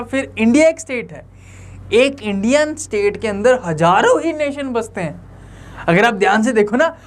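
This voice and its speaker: A young man teaching an online lecture in a conversational way, often asking the viewers rhetorical questions. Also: extremely high pitch.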